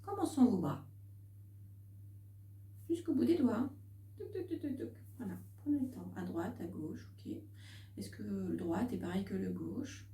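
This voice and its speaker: Relaxed woman coach in an echoey room. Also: mid-range voice, measured pace, pauses often. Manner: relaxed, thinks aloud, demonstrating on herself. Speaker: wellness coach guiding a body scan. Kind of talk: guided relaxation lesson. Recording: echoey room, voice a bit distant.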